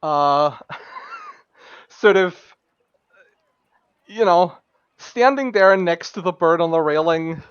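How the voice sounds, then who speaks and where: A man's voice: fairly high pitch, slow pace, long pauses, clear, resonant tone, no room sound. A man narrating a tabletop game as game master, rambling and hesitant with many fillers, on a dull lo-fi mic.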